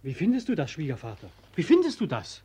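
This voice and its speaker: An actor playing a mocking son-in-law with a jeering manner. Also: male voice, a little high, wildly swooping pitch, fast talker, warm tone, a little hiss or hum.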